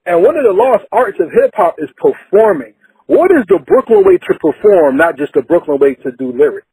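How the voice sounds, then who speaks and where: A man interviewing a guest in a conversational, reflective way, deliberately building up to his questions. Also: high-pitched, sing-song, a little mellow, husky, dry recording, low-quality recording.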